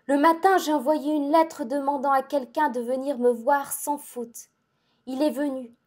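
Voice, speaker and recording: A woman reading the part of a feverish, exalted young invalid girl, talking in an excitable, breathless and intense way. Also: high voice, unhurried. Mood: pleading. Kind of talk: dramatic audiobook reading.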